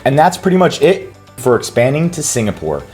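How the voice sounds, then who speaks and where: In a screen-recorded tutorial, a consultant and channel host whose first language is English gives casual, step-by-step directions. His mid-range, darkish voice is very animated and brisk, with soft music in the background.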